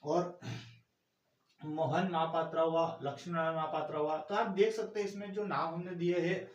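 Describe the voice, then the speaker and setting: A male teacher runs an exam-prep lesson and keeps quizzing his students with rhetorical questions. His voice is fairly high. He sounds roomy and set back from the microphone. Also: fairly even intonation, normal speed, muffled recording. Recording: echoey room, mic at a distance.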